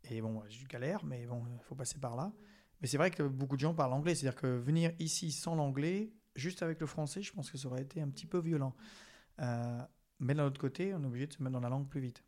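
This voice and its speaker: A man's voice: mid-range voice, quick pace, a little mellow. A young man from France, a guest on a podcast, talking casually and hesitantly with many fillers and restarts.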